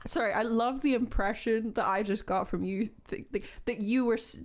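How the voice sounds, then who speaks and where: A woman co-hosting a casual podcast, chatty and teasing, quick to laugh. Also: fairly high pitch. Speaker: podcast co-host. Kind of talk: casual chat.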